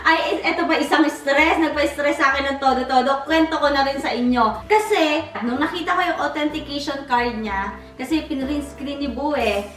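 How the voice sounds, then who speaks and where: A woman from the Philippines chatting to camera as she unboxes a handbag, excitable and switching into English now and then. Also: sits high, normal speed, far from the mic. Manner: chatty, excitable, mixes English into her talk. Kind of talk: casual chat to camera. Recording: roomy, a bit off-mic, soft music behind.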